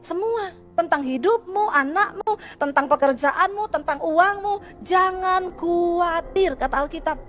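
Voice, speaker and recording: A woman's voice: extremely high pitch, animated, normal speed, few pauses, fairly bright tone, faint music behind. A woman pastor giving a sermon, telling stories and speaking straight to her congregation. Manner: conversational storytelling, addressing the congregation directly.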